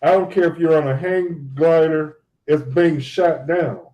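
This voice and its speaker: A man on a phone call arguing in a hesitant, halting way. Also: on the high side, crowd noise. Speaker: prank caller. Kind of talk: debate over the phone.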